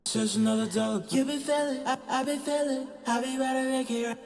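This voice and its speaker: A woman's voice: sits high, a little fast, vocal fry. A woman singing, her vocals cut up with a chopped stutter edit that repeats clipped syllables and cuts off word endings. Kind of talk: sung pop vocals in a song. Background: loud music beat.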